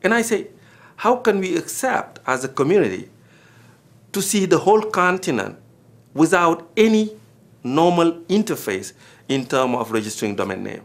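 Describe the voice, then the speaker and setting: In a recorded account of his own experience, an earnest Senegalese man who once served as a board director speaks at a moderate pace. His pitch swings widely, climbing along with his volume on the points that matter most.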